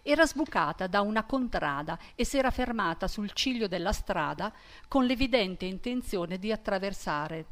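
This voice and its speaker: A woman reading aloud from a novel with clear, attentive narration. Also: medium pitch. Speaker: reader.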